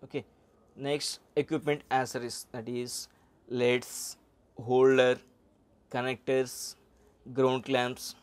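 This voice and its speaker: Male instructor, middle-aged, slide lecture, halting delivery with filler words. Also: medium pitch, little pitch movement. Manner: halting, frequent "uh" and "okay" fillers. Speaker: welding instructor.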